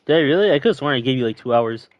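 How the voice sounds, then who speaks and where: This young podcast co-host chats loosely and rambles, poking fun at himself in an easygoing manner. His medium-pitched voice races along with lively intonation, though the audio is dull.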